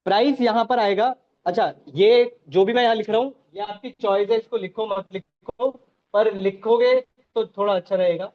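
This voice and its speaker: A man teaches a live online class, pausing often to check on his students. His voice sits high. The recording is dull and lo-fi.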